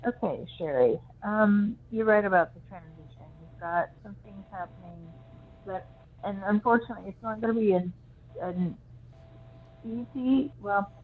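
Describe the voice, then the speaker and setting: A woman's voice: medium pitch, normal speed. A woman on a crackly phone line that cuts in and out, giving a caller an intuitive reading in a searching, hesitant way with many restarts. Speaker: co-host giving psychic readings.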